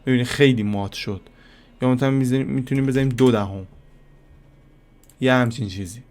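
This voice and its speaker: A man with a plain, mid-range voice teaches a software lesson over a screen recording. He talks casually, calls his viewers kids, and thinks out loud as he clicks, pausing to find simple ways to explain things. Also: mid-range voice, a little hiss or hum. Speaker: software tutorial instructor.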